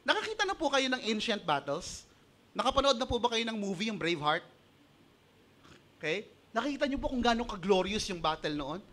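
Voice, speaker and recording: A man with a Filipino accent preaching a sermon as pastor, animated and switching between Tagalog and English, acting out the voices he quotes. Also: high voice, brisk.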